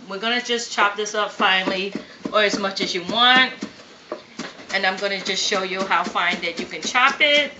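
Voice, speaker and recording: Born in Vietnam, this woman hosts a home cooking show from her kitchen, chatting her way through each step and often checking in with "okay." Her medium-pitched voice comes through muffled, in an echoey kitchen with faint background noise.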